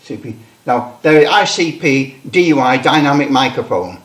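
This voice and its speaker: With an expressive, somewhat bright mid-range voice at a moderate pace, a hobbyist shows off CB radio gear in a relaxed hands-on way. He thinks out loud while tweaking settings and mics, switching to a headset microphone for part of the test.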